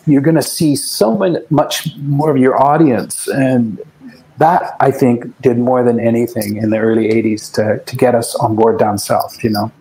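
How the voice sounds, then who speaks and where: A man's voice: mid-range voice, fairly even intonation, normal speed, mellow, rough recording. A man, a guest musician, telling rambling anecdotes in a casual interview, often restarting his sentences.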